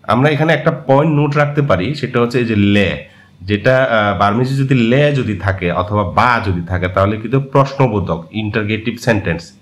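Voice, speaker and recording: A man with a fairly low voice, a native Marma speaker, teaches a language lesson over a shared screen. He explains patiently and pauses often to hesitate between points.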